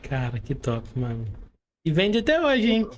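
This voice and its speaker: A Brazilian man with a voice on the high side and huge pitch swings hosts a casual podcast interview at a measured pace. He speaks informal, slangy Portuguese and frequently checks in with short tag questions.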